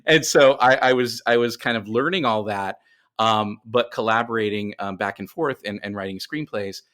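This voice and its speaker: Speaking at an ordinary pace, a middle-aged podcast guest has a fairly low voice with a rather bright quality. He recounts his story in a conversational way, frequently backtracking mid-explanation.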